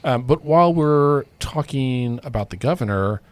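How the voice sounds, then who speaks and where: A man's voice: medium pitch, expressive, moderate pace. A man co-hosting a political podcast, talking casually with lots of fillers and restarts. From Oklahoma. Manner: conversational, many fillers and restarts. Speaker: podcast co-host.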